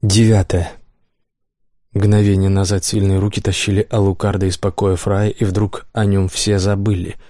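Male audiobook narrator, deep-ish warm tone, dry booth sound, steady dramatic delivery. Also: no echo. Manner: measured dramatic reading. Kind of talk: scripted narration.

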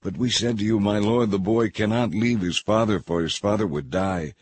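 A man's voice: lowish voice, normal speed, a little mellow, husky, dry recording. A man doing a desperate pleading brother.

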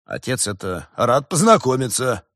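A man voicing a shy young painter who speaks quietly and sheepishly. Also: medium pitch, sing-song, normal speed, dry recording, studio quality, pitched above the performer's own voice. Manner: subdued, sheepish.

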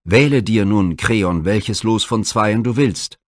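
A man's voice: lowish voice, slow pace, no room sound, studio quality. A man reading the part of a stern old blind seer in a myth storybook, speaking in grave, solemn pronouncements.

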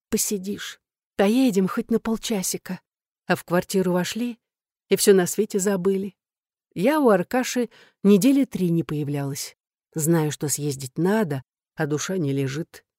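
Audiobook narrator, woman, earthy and frank, mellow tone, dry close recording. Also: on the low side, moderate pace, no room sound. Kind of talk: first-person scripted narration.

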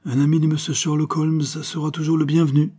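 A man playing a gruff, irritable old man. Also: on the high side, level tone, brisk, pitched above the performer's own voice. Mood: fussy welcoming. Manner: shouting threats, then fussy and chatty. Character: grumpy tall old male animal-stuffer, gruff then welcoming.

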